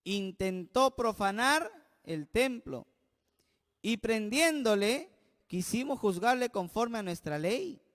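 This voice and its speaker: A pastor preaching an emphatic sermon, often putting questions to the congregation. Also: male voice, high-pitched, lively intonation, slow pace, a bit bright. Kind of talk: expository sermon. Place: church. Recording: long church-hall reverb.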